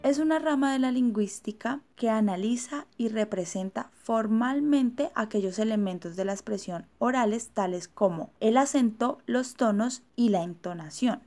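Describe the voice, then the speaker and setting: Higher-voiced woman co-hosting a podcast lesson. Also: normal speed, hardly any pauses, darkish tone, soft background music. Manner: clear, informative, asks guiding questions. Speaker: podcast co-host.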